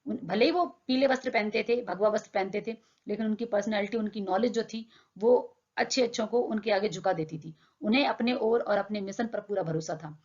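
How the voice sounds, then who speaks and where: A woman's voice: mid-range voice, fairly quick, a little mellow. A young woman teacher explaining a textbook lesson in plain words, asking her own questions and answering them. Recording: dull lo-fi sound.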